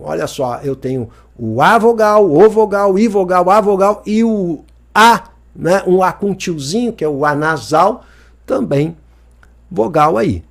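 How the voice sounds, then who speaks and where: Male teacher, higher voice, jokey and lively, talks straight to the viewer. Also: measured pace, vocal fry. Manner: lively, joking, asks the viewer questions often. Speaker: Portuguese teacher. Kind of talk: exam-review lesson.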